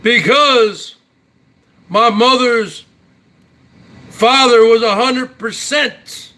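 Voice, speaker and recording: A man in his forties runs his own YouTube show, casually chatting solo to viewers with brash boasts and lines capped by "huh?". His pitch is extremely high, his delivery very slow, and his tone bright and forceful.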